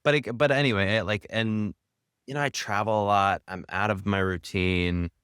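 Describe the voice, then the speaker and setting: Guy in his 30s hosting, really deep smooth voice, rambly, lots of likes and ums. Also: steady tone, moderate pace, fairly bright tone, dry recording, clean studio sound. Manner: rambling, hesitant, many fillers. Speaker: podcast host. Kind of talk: casual interview conversation.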